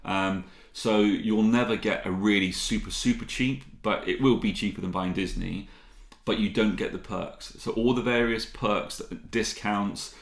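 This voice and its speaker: A man's voice: fairly low pitch, fairly even intonation, a little slow, roomy sound. A man in his forties from the UK, co-hosting a podcast in casual chat, rambling with restarts and fillers. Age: 40s. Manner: rambling, many restarts and ums. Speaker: podcast co-host.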